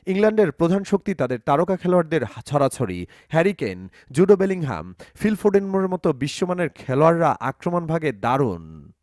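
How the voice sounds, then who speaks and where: Lively, dramatic male sports narrator. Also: on the high side, no echo, clean studio sound. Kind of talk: scripted sports countdown voice-over.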